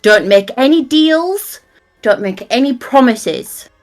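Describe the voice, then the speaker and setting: A woman's voice: a little high, lively intonation, slow pace, soft background music, voice pushed up. A woman voicing an exasperated fey woman who lectures like a drill sergeant in a tabletop roleplay, with clipped repeated commands. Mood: stern, commanding. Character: exasperated bossy fey woman lecturing foolish companions on rules.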